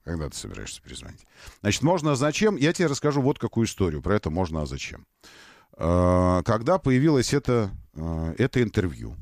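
A man's voice: fairly low pitch, huge pitch swings, fairly quick, a little mellow, no room sound, studio quality. A man hosting a casual radio talk show, joking and ironic as he chats with his co-host. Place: radio studio.

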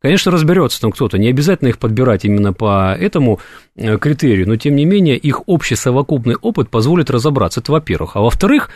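A man's voice: medium pitch, big pitch swings, fast talker, darkish tone, no echo, studio quality. A man speaking as a guest on a radio discussion, hesitant, with many fillers and restarts as he argues his point. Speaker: studio guest, legal commentator. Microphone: studio microphone.

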